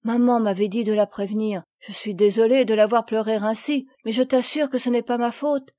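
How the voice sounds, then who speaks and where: Woman playing a dutiful young girl of eleven, kind, urgent, high bright-sounding calls. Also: fairly even intonation, a little fast, no echo, lightly acted. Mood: reassuring.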